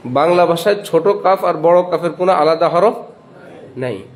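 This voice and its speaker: In this religious lecture, a madrasa principal with a Bangladeshi Bengali accent poses questions and then answers them on his own. His voice runs on the high side, and he carefully spells out individual letters and sounds at a slow pace.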